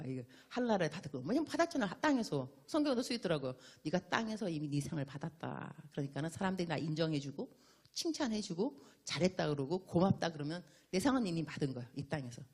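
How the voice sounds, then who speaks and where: A woman missionary preaching a sermon in an animated, playful way, acting out little dialogues. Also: lowish voice, fast talker, slightly rough.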